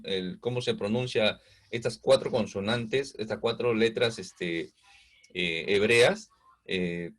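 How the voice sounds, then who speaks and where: A man with a Peruvian Spanish accent teaches from scripture in a patient, conversational way. His voice sits at an ordinary middle pitch, and he often pauses on fillers and checks in with his listeners. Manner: explains slowly with many fillers and "¿no?" checks. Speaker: preacher. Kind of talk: bible teaching.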